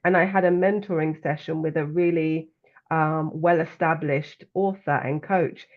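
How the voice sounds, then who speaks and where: London woman, earnest and measured. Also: low-pitched, steady tone, muffled recording. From London, England. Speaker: guest, author and coach. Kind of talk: conversational interview.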